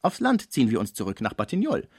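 A man's voice: huge pitch swings, quick pace, gravelly, breathy edge, no room sound, studio quality, full character voice. A man reading a novel aloud, voicing a scheming, melodramatic middle-aged female concierge. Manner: shrill, wheedling and melodramatic. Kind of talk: audiobook character voice.

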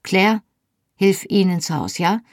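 A woman voicing a stern, brisk farm mother who scolds and gives quick orders, in an audiobook reading. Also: medium pitch, animated, no room sound, clean studio sound, pitched above the performer's own voice. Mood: scolding, urgent. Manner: sharp, commanding scolding.

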